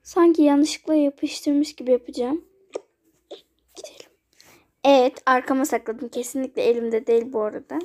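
A woman's voice: sits high, fairly even intonation, normal speed, long pauses, mellow. A woman narrating a casual life-sim game video, chatty and playing out scenes with her characters. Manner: chatty, plays out scenes with dolls.

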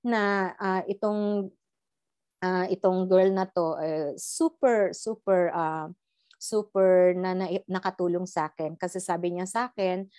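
A middle-aged woman from the Philippines giving a personal testimony in an animated storytelling manner, mixing in English and often tagging "no?". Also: lowish voice, slow, smooth, no echo, studio quality. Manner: animated storytelling, Taglish, tag "no?". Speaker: guest sharing a life story.

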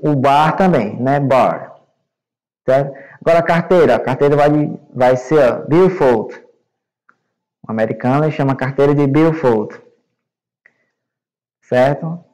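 A Brazilian male English teacher giving a recorded online class to young students, explaining slowly and patiently and checking understanding often. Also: a little high, a little mellow, poor audio. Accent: Brazilian Portuguese. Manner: repeats words and checks with "né?" and "certo?".

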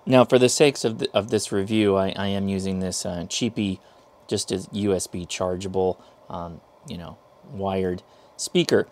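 In a small indoor workshop room, a host in his thirties casually reviews a device while demonstrating it hands-on. He speaks in a deep, slightly mellow voice at a moderate pace.

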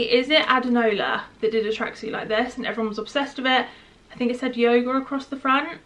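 A woman's voice: a little high, a bit bright. Chatty young woman, slightly breathless. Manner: chatty, gushing, informal. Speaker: fashion vlogger. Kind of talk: casual try-on haul chat.

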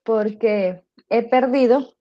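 A woman's voice: on the high side, slow. Woman student, dull lo-fi call sound. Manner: thinks aloud while explaining. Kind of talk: answering in online class.

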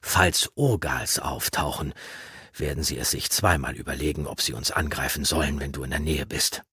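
A man voicing a stern, gruff old male mentor giving commands in a fantasy audiobook. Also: a bass voice, normal speed, bright, forceful tone, no echo, studio quality, voice pushed down, full character voice.

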